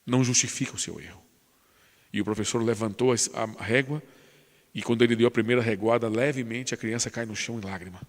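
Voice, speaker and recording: A man's voice: mid-range voice, fairly even intonation, fast, big-room sound. A man preaching a sermon as a pastor, telling a story dramatically and then building to fervent emphasis. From Brazil. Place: church.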